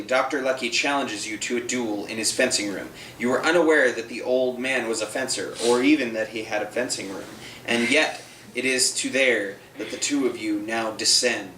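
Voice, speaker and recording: Brief: male game host, relaxed rule explainer, roomy distant sound. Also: medium pitch, slight background noise. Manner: casual, loose, frequent "uh" fillers. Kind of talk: explaining rules at a board game table.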